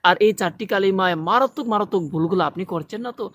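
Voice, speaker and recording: A man with a high, light voice gives a pronunciation lesson. He patiently corrects common mistakes and stretches recited words out slowly. The sound is dry and close, with no room around it. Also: fairly bright tone, no echo. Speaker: religious teacher.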